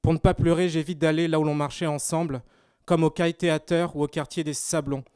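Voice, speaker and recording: A man's voice: a little high, level tone, a little fast, darkish tone, clean tone, no room sound, studio quality. A man from Paris with a Parisian French accent, performing rhymed slam poetry at a live exhibition opening. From France, Paris. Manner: rhythmic rhymed spoken-word delivery. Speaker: slam poet.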